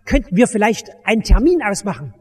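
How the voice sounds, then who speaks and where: A man's voice: high voice, very animated, brisk, slightly rough, full character voice. A man playing a timid modern pastor who asks with fussy, hesitant politeness, in a reverberant church. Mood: meek polite.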